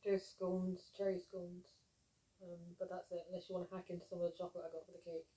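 A woman's voice: lowish voice, quick pace, rough recording. A woman co-hosting a podcast, chatting casually and sounding tired. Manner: tired, relaxed banter. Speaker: podcast co-host. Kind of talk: casual chat.

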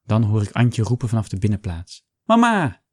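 A man reading a first-person story aloud in a calm, measured storytelling manner. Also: lowish voice, breathy edge, no room sound, studio quality. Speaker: audiobook narrator. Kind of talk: scripted first-person narration.

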